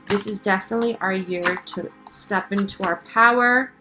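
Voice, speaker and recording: A woman doing a casual, channeled tarot reading as a spiritual guide, speaking in a halting, reflective, reassuring way and often checking in with the listener. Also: medium pitch, background noise.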